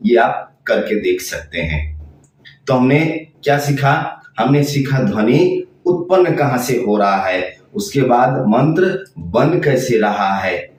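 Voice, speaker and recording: Slow-speaking man teaching, very echoey. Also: medium pitch, very animated, far from the mic. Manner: slow, repetitive explaining, demonstrating chanted sounds. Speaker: tantra teacher. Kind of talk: spiritual lesson. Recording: very echoey room, voice off-mic.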